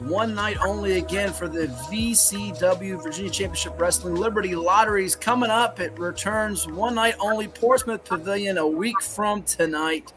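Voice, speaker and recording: A man's voice: high voice, normal speed, hardly any pauses, over music. A man hosting a sports talk show in an upbeat, welcoming way.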